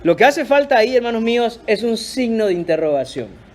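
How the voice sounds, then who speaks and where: A man's voice: very high voice, big pitch swings, fairly quick. A pastor preaching a sermon in an earnest, emphatic way, often addressing his listeners as brothers. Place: church.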